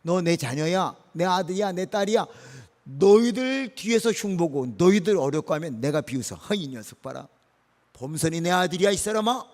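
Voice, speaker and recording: A man's voice: sits high, animated, normal speed, darkish tone, long reverb tail, voice pushed up. A male pastor voicing God as a doting, protective father who scolds troublemakers and reassures his children. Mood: teasing. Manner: fond, chiding, colloquial.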